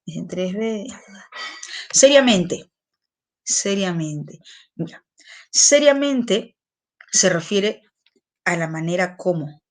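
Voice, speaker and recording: A woman's voice: fairly low pitch, a little slow. A woman teacher speaks in an online class. She goes over the point patiently, repeats key phrases and checks that her students follow.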